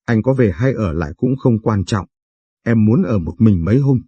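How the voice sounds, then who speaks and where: A man voicing a hurt, weary wife who calmly asks for time alone in a told story. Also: on the low side, moderate pace, breathy edge, no echo, lo-fi sound. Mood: withdrawn.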